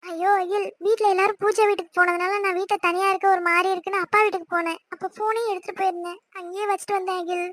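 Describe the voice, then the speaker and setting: A woman voicing a gentle young wife. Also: very high-pitched, little pitch movement, racing, hardly any pauses, no room sound, studio quality, pitched above the performer's own voice. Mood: apologetic. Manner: soft, apologetic, bewildered. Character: gentle young Tamil wife, sister-in-law. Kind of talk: cartoon voice acting.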